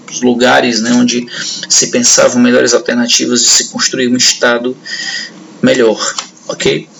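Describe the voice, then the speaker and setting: A man's voice: mid-range voice, gravelly, fairly bright tone, a little hiss or hum, rough recording. A man giving a history lecture to students, talking conversationally and checking in with his class often. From northeastern Brazil. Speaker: history teacher.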